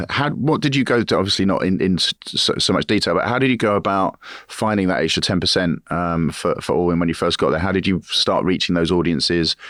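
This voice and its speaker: Deep-voiced male podcast host. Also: fairly quick, hardly any pauses, fairly bright tone, no echo, clean studio sound. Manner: long rambling questions with restarts. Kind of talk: podcast interview.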